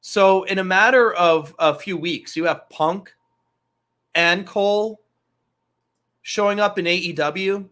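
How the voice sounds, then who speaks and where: A man's voice: high voice, slow pace, pauses often, sharp tone. A man hosting a casual wrestling talk show, loose and profane, rambling through asides. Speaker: podcast host.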